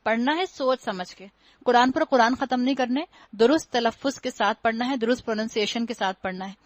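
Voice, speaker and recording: Woman, religious teacher, explanatory lecture, raised pitch, dry close sound. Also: no echo. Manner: explanatory, uses rhetorical questions and humor; mixes in English words. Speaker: Quran teacher.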